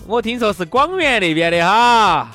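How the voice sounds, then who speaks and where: A man's voice: sits high, very animated, normal speed, bright, forceful tone, faint music behind. A male talk show co-host with a Sichuan accent, chatting and bantering casually in Sichuan dialect.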